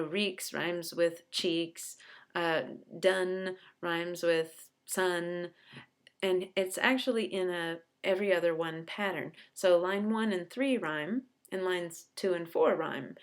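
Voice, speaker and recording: A middle-aged woman professor explaining a poem in a chatty, enthusiastic way, sounding out its rhythm aloud. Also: fairly low pitch. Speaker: literature professor. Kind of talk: explanatory lesson.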